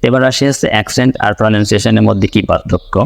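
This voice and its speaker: A man's voice: on the low side, steady tone, rapid-fire, vocal fry, in a large hall. A man from Bangladesh teaching a spoken English lesson, explaining patiently and repeating his points as he writes them out.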